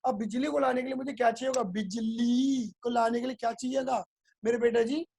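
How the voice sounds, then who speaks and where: A male teacher telling a playful story to explain a lesson, making sound effects and often asking whether it is clear. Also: extremely high pitch, steady tone, brisk, a little mellow. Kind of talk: storytelling classroom lecture.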